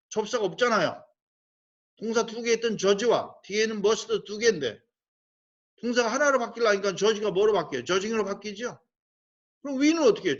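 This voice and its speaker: A male teacher walks through English grammar step by step, with a high voice that rises and falls in lively swings. He keeps asking rhetorical questions and then slows down to spell out English phrases carefully. The recording sounds dull and lo-fi.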